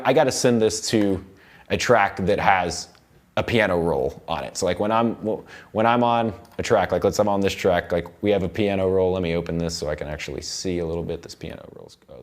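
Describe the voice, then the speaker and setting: In a recording studio control room, a low-voiced American man teaches audio production, explaining each step casually and at a fairly quick pace. He often thinks aloud as he works through the software.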